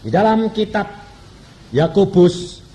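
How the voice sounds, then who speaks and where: High, lively preacher man. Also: slow. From Indonesia. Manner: preaching with dramatic swings in pitch and volume. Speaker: pastor. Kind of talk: sermon.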